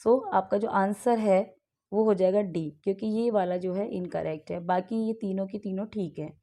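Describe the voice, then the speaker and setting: A young woman teaching English exam practice with an Indian English accent, reading each question slowly and then explaining it in Hindi. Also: mid-range voice, fairly even intonation, warm tone.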